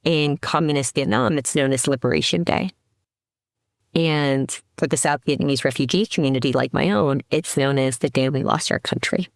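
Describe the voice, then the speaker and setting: Her voice sits low with vocal fry and moves at a normal speed, captured cleanly in a studio without echo. She's a middle-aged woman from the Seattle area of the United States, a company CEO guesting on a podcast. In casual interview talk, she reflects on her story with many restarts and fillers.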